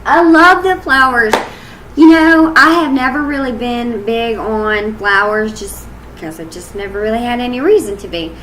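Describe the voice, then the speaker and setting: A woman's voice: on the high side, normal speed, a bit bright, slight background noise, low-quality recording. A woman chatting casually in a couple's vlog, rambling and laughing often. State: hiccups. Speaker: vlog co-host.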